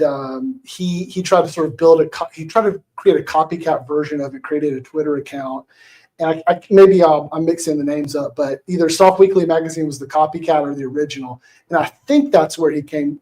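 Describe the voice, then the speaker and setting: A man's voice: fairly high pitch, darkish tone. A man talking casually as a podcast guest, wry and hedging as he critiques someone. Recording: echoey room.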